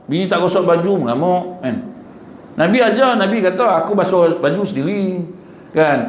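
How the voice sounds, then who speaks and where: A man with a Malaysian Malay accent giving a humorous religious talk in a prayer hall, joking and acting out little dialogues. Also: on the high side. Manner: joking, animated, acts out dialogue. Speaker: preacher. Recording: echoey hall with faint noise.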